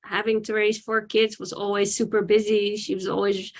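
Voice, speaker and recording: A woman's voice: medium pitch, flat delivery, moderate pace. A woman in her forties from the Netherlands, a guest telling her life story candidly and reflectively in an interview. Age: 40s. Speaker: podcast guest.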